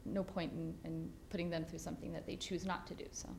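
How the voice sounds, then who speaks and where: A woman's voice: lowish voice, little pitch movement, fast, vocal fry, darkish tone, soft background music. A woman in her late twenties giving candid interview answers, speaking frankly and laughing at herself now and then. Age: 20s.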